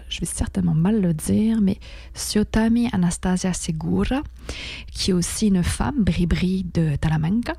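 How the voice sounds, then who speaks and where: A woman radio host speaks in a slow, unhurried way, pausing often on fillers as she introduces her guests. Her voice is dark, mellow and gravelly, with a husky edge. The sound is dry and close. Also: fairly low pitch, no room sound. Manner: slow, hesitant, many fillers. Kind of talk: radio talk show hosting.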